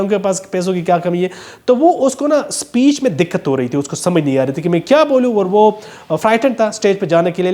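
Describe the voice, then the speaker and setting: A man's voice: high-pitched, darkish tone. A man giving an emphatic, preachy motivational talk straight to his viewers. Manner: emphatic, preachy, calls listeners "brother". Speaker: motivational speaker.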